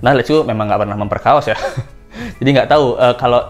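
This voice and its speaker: Low-voiced chatty woman commentator. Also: brisk, darkish tone. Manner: chatty, rhetorical questions, acts out quoted lines. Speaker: online news commentator. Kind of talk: casual spoken commentary. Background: faint background music.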